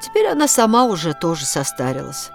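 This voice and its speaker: A woman narrating a story in a measured, expressive reading. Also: on the low side, vocal fry, soft background music. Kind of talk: audiobook narration.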